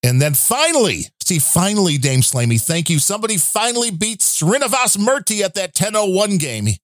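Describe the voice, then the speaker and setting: A man's voice: high-pitched, very animated, a little fast, dry recording, clean studio sound. A man co-hosting a podcast, reading out listener donations in casual, rambling chat with wry asides. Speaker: podcast co-host.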